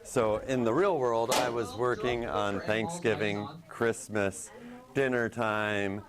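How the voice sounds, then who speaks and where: An adult male teacher answering casually in an interview, halting as he goes. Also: lowish voice, fairly even intonation, crowd noise. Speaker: broadcast teacher.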